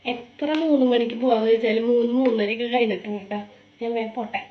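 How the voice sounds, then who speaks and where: Fast, high-voiced young woman vlogging. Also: steady tone, highs cut off, a little hiss or hum. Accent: Thrissur Malayalam. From Kerala, India. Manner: chatty, ends sentences with tag words. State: voice worn after a fever. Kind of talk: casual vlog narration. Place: home work area, then temple grounds. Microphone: phone camera set down nearby.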